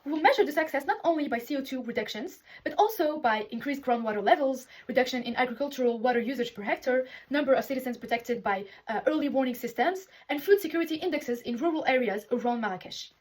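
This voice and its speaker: Husky-voiced young woman from Morocco giving a speech. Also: sits high, lively intonation, fast, few pauses, a little mellow, rough recording. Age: young adult. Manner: earnest, reads a prepared text with small restarts. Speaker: student speaker representing a city. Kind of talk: prepared speech for a competition.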